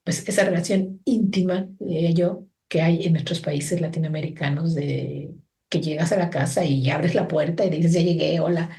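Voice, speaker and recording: Mellow-voiced Mexican woman, reflective guest. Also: sits low, fairly even intonation, moderate pace. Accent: Mexican Spanish. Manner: thoughtful, many restarts and fillers. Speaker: guest, organization founder. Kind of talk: reflective interview conversation.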